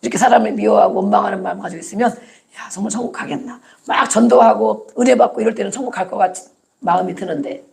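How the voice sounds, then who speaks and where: A woman's voice: medium pitch, rapid-fire, gravelly, a little mellow. A woman pastor preaching a sermon with emphasis, repeating key words and acting out short quotes.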